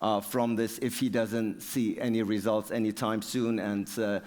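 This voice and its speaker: Measured male stage interviewer. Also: fairly low pitch, flat delivery, darkish tone. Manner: fluent, measured, uses fillers. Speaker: interviewer, TV presenter. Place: university hall on stage.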